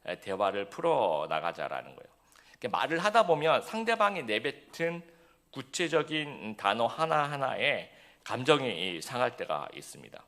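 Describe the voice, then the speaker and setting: A male pastor delivering a sermon in a relaxed, conversational way, full of fillers and asides that he puts to the congregation. His voice has a gravelly edge, and his pitch rises and falls widely as he talks. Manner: conversational preaching with frequent fillers and rhetorical questions.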